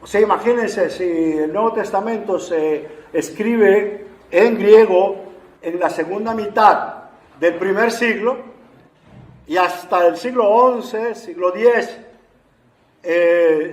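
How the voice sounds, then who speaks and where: A man giving an unhurried, explanatory lecture on Bible translation to an audience, often pausing with "eh" fillers. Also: sits high. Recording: roomy echo.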